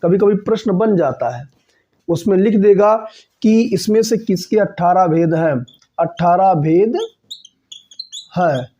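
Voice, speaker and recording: A man's voice: sits high, animated, slow, pauses often, warm tone. A man teaching an exam-prep grammar lesson who keeps checking in with his listeners and asks questions he then answers himself. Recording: dull lo-fi sound.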